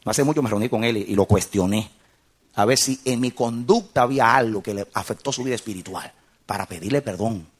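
A man's voice: fairly low pitch, a little fast, husky. A middle-aged man preaching a sermon as a pastor, impassioned and building to emphatic peaks.

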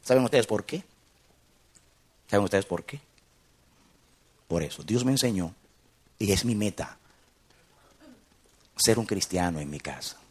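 Middle-aged man preaching, raspy tone, lively and emphatic, climbs high when stressing a point. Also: measured pace, pauses often. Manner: impassioned, rising to emphatic peaks. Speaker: pastor. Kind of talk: sermon.

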